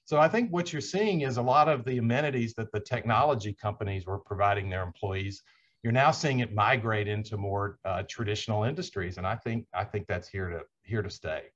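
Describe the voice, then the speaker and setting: A man in his sixties speaks from an office meeting room over a video call. His voice sits a little low, and he answers in a measured, businesslike way, with many small "uh" fillers. The audio comes through dull and lo-fi. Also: a bit bright. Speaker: real estate company chief executive, panelist. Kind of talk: panel discussion answer.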